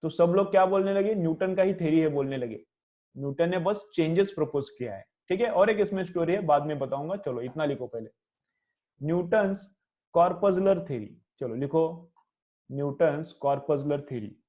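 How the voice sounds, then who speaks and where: A male teacher giving a classroom lecture. He asks questions and answers them himself, and repeats phrases slowly for students to copy down, with an Indian English accent. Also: fairly high pitch, warm tone. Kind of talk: classroom lecture, dictating notes.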